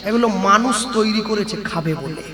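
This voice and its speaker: A man telling devotional stories as a kirtan singer and preacher, in an animated, teasing way. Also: high voice, a little fast. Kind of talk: devotional storytelling sermon with song. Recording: echoey hall with live music. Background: devotional music.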